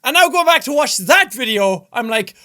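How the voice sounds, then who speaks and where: Reacting casually to games, this Irish YouTuber speaks in a very high, bright, sing-song voice at a moderate pace. His delivery is upbeat and punchy, punctuated by loud exclamations and offhand swearing.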